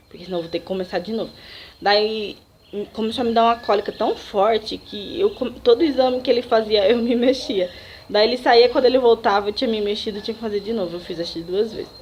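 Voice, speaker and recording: A young Brazilian woman vlogger telling a personal story to camera, animated and emotional, often laughing and acting out what people said. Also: medium pitch, fast talker, a little hiss or hum. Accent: Brazilian Portuguese. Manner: animated, emotional retelling with laughs and dramatic quotes.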